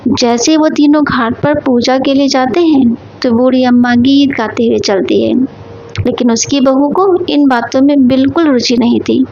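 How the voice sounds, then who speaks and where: High-voiced woman telling a folk tale. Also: moderate pace. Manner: steady, storytelling. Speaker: storyteller. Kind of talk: devotional folk tale narration. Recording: dull lo-fi recording.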